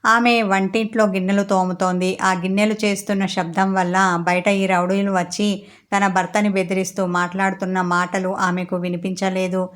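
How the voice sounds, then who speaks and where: A woman narrating a romance story in a steady storytelling manner. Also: medium pitch, moderate pace. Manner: steady storytelling with quoted dialogue.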